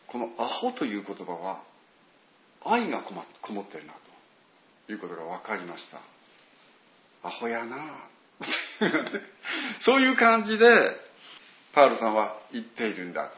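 A man's voice: fairly low pitch, echoey room, lo-fi sound. A man preaching a sermon, telling it like a story with dramatic quoted asides. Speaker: pastor.

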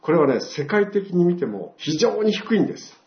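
Animated older man telling a testimony. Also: high voice, moderate pace. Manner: storytelling, acts out quoted dialogue. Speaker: church member giving testimony. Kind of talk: testimony talk to a congregation. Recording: roomy, dull lo-fi sound.

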